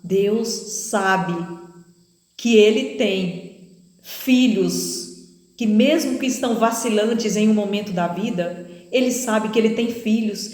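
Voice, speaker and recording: A Brazilian woman preacher giving an emotional spoken testimony, retelling it in an animated way with many fillers. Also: mid-range voice, slow pace. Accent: Brazilian Portuguese. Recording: echoey room with long reverb.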